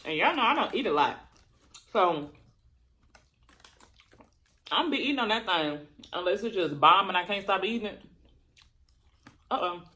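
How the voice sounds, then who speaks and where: A woman chatting casually and colloquially to viewers during a mukbang, chewing as she talks and pausing between bites. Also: mid-range voice, animated, sharp tone. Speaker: mukbang vlogger. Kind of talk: casual chat to viewers while eating.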